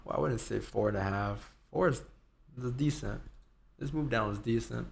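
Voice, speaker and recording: A man's voice: medium pitch, normal speed, creaky, a little hiss or hum. A man giving casual live commentary as a stream host, rambling informally and thinking aloud.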